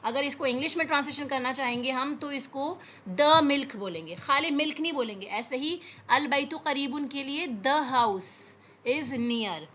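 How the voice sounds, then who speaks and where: A woman teaching an Arabic lesson, reading words slowly and explaining them patiently with frequent checks on understanding. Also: sits high, pushed and bright, slight background noise. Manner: explains patiently, repeats words, often says "theek hai" to check understanding. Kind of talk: classroom lesson.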